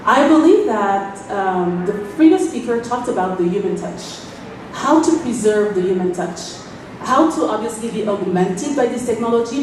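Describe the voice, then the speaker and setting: A woman from France, speaking on a panel in a businesslike, fluent way with quick bursts and fillers. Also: a little high. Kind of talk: panel talk. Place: event space. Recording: echoey room, mic from far off, faint noise.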